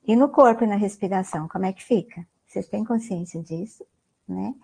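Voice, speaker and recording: Mellow-voiced Brazilian woman lecturing casually. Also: medium pitch, a little fast, vocal fry, breathy edge. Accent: Brazilian Portuguese. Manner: conversational, many "né?" tags, asks the audience questions. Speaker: guest lecturer on mindfulness. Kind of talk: online academic talk.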